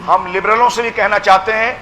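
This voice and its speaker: Over a faint hiss or hum and a big-room sound, a pir with a Pakistani Urdu accent gives a fervent religious sermon. His voice is high and sharp with fairly even intonation, and he exhorts his listeners, calling them his children.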